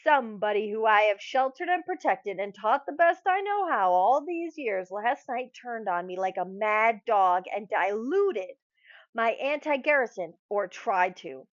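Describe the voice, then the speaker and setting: A woman's voice: a little high, animated, measured pace, no echo. A woman reading aloud a bitter farewell note from an old male patriarch, in a slightly dull, dry recording. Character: old man, proud family patriarch, bitter and wounded.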